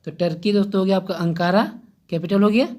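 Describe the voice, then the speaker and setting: A man talking his viewers through an exam-prep lesson in an easy, chatty way. He keeps turning to the audience with little "okay?" checks. He pauses now and then to find his place. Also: sits high, steady tone, darkish tone. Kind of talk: casual general-knowledge lesson.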